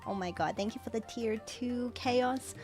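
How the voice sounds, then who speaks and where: A woman hosting a casual livestream, excitedly thanking viewers and stumbling over her words. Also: a little high, unhurried, soft background music. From Australia. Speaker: livestream host.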